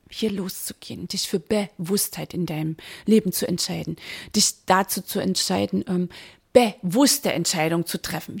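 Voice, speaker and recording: A woman coach speaking straight to the listener in a motivational podcast monologue, emphatic and exhorting, stressing key words, with a husky, creaky voice. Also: mid-range voice. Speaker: business mindset coach, podcast host.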